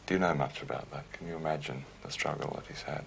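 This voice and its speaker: A man's voice: extremely low pitch, fast talker, creaky, noisy background. A male interviewer asking probing questions in a documentary and rephrasing them as he goes.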